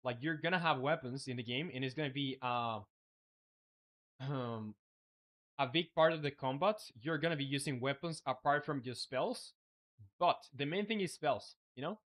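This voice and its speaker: Casually building his game on a live stream, a young man from Chile, a first-language Spanish speaker, thinks out loud at medium pitch and normal speed. His tone is relaxed and full of fillers.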